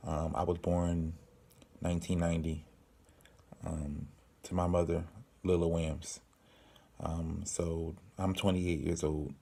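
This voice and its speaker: Answering his viewers' questions straight to camera, a young man in his 20s hosts a casual Q and A for his channel. He has a dark, mellow, very low and gravelly voice. His delivery is flat, slow, and earnest, full of pauses and ums.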